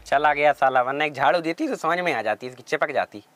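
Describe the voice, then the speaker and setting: A man's voice: a little high, animated, fairly quick, lightly acted. A man playing a woman, a scolding, sarcastic rustic mother in a village comedy skit. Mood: grumbling. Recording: clear background noise, clicks.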